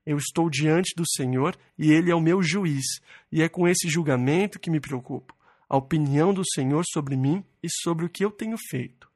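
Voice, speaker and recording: A man's voice: a little high, moderate pace, darkish tone, no echo, clean studio sound. A man preaching an expository Bible sermon, reading verses and then explaining them plainly, sometimes acting out quoted complaints in first person.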